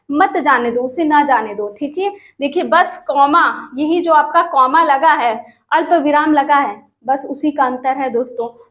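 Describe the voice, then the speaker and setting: A woman teaching an exam-prep grammar lesson, asking questions and answering them herself and calling her viewers friends. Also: sits high.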